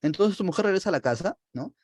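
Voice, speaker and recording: A male literature teacher, retelling a play to students in a lively way, constantly asking "no?". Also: sits high, quick pace, no echo, studio quality. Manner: lively, peppers sentences with "no?". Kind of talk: storytelling lecture to students.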